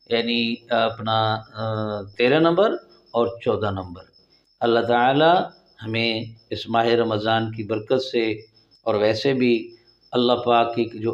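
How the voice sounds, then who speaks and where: Tajweed teacher, man, dull lo-fi audio. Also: medium pitch. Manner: alternates plain explanation with slow, drawn-out melodic recitation. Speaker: Quran recitation teacher. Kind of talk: tajweed lesson, explaining rules and reciting verses.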